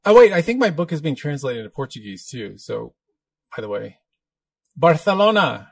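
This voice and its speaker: A man's voice: mid-range voice, sing-song, fairly quick, gravelly, darkish tone, slightly rough, no room sound. A man hosting a live question-and-answer stream as a minister, chatty and joking, laughing often. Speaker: podcast host, minister. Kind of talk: live Q&A chat.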